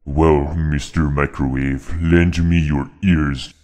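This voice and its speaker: A man voicing a scheming male bear character delivering a slow, ominous monologue for a game. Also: very deep voice, fairly even intonation, a little mellow. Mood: calm.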